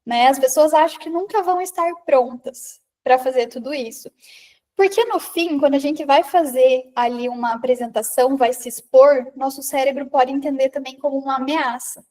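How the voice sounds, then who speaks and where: In a high, somewhat mellow voice at a moderate pace, this Paraná woman hosts a live web talk for a women's group about public presence and confidence. Her style is conversational: she speaks to listeners directly, reads their comments aloud, and punctuates sentences with a questioning "né?".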